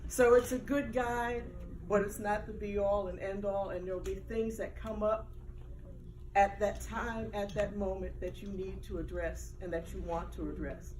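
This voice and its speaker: A woman's voice: medium pitch, steady tone, a little slow, darkish tone. Earnest woman, near tears, distant mic, noisy background. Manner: earnest, holding back tears. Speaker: audience speaker. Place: book launch event room.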